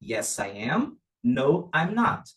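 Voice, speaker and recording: A Brazilian man teaching an English lesson. He explains patiently with many fillers and says the example sentences slowly and carefully. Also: medium pitch, very animated.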